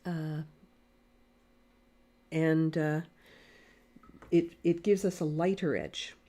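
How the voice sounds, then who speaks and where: Soft-spoken woman teaching watercolor. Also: low voice, fairly even intonation, drawn-out words. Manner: quiet, soft-spoken, thinking aloud while painting. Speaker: watercolor art instructor. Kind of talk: live painting lesson. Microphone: desk mic near camera.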